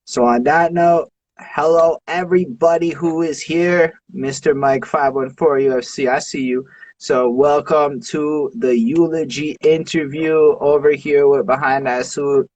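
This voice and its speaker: A man hosting a livestream interview, talking easygoing and loose with casual slang. His voice is mid-pitched and dry, but he sits back from the microphone, so it sounds a little distant. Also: steady tone, a little slow, a little mellow, dry recording, highs cut off. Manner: easygoing, slang like "real dope". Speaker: interview host.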